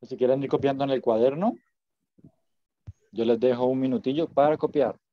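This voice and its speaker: A man's voice: medium pitch, normal speed, muffled recording. A man teaching an online Spanish class, patient and encouraging, repeating words so students can drill them.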